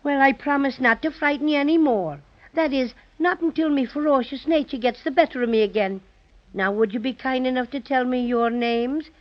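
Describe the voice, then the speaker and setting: A tiny, chipper Irish teddy bear played by an actor with a high voice and a playful, boastful brogue. The old radio recording is dull and lo-fi, and the delivery is pure children's storybook. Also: moderate pace, close to an everyday voice. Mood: playful boasting. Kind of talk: 1930s children's radio serial acting.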